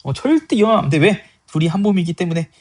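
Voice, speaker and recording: A man's voice: a little high, animated, fast talker, pitched above the performer's own voice, natural voice. A man voicing Jesus as a blunt, scolding teacher who talks down to his listeners in plain casual speech. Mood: insistent.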